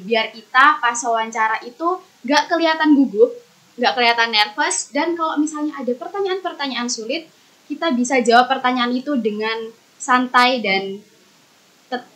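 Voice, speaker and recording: High, bright-voiced woman hosting a podcast. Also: moderate pace. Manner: chatty, lightly anxious about job interviews. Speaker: podcast host. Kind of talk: casual podcast interview.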